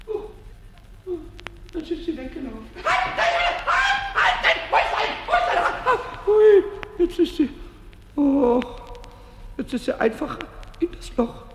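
Pumuckl, a squeaky stammering kobold. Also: male voice, roomy sound, big-room sound, a little hiss or hum, full character voice. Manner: stammering, giggly, swings from whispers to squeals. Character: mischievous little male kobold, childlike and excitable. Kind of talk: vintage radio play acting.

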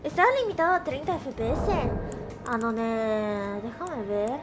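Excitable high-voiced woman streamer. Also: measured pace, heavy background noise. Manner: excitable, shrieks when startled; mixes in Japanese and English phrases. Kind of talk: casual live-stream chat.

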